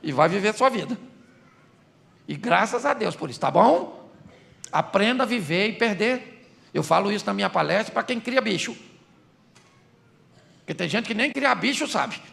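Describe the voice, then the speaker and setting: A man's voice: high voice, lively intonation, normal speed, vocal fry, long pauses, a bit bright. A man preaching a humorous sermon as a pastor, in Brazilian Portuguese, joking and asking the crowd questions.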